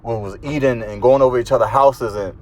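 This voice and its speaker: A man's voice: mid-range voice, a little fast. Emphatic man in casual bible talk. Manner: casual, emphatic, preachy street slang. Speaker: co-host leading bible discussion. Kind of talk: casual bible study chat.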